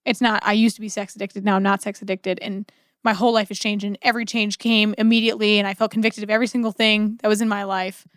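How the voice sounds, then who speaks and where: A woman co-hosts a podcast, discussing faith earnestly and conversationally, often posing rhetorical questions and voicing imagined quotes. Her mid-range voice is fast with little pitch movement, and the sound is studio quality with no echo.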